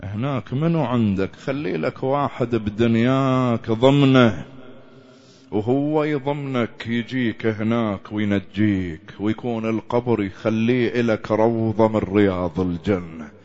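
A man's voice: fairly low pitch, unhurried, muffled recording. Impassioned Iraqi preacher, man. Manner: impassioned, swinging from loud to hushed, sometimes chanting. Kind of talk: Shia mourning sermon.

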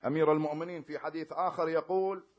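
High-voiced preacher. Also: male voice, steady tone, racing, muffled recording. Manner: emphatic, swings between loud declarations and hushed passages. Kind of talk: sermon.

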